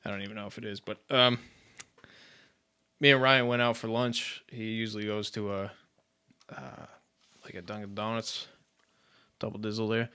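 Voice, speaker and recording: Animated, rambling podcast co-host man. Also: on the low side, moderate pace, pauses often, smooth. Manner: rambling, animated storyteller who laughs often. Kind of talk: casual podcast chat.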